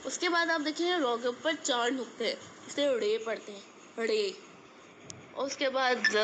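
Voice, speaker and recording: A woman's voice: fairly high pitch, noisy background. A woman teaching a lesson, patiently repeating each sound and asking the viewer questions. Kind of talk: explaining an alphabet lesson.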